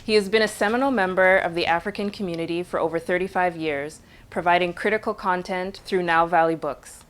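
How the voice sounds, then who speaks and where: A woman's voice: on the low side, brisk. A woman presenting an award on behalf of a board, speaking formally and graciously.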